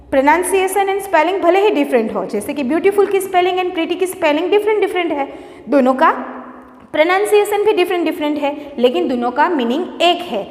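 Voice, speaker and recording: A woman teacher with an Indian English accent explains a lesson to her students, repeating each point patiently and checking in with "okay?". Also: sits high. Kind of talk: classroom lesson mixing Hindi and English. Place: classroom. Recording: echoey room, long reverb.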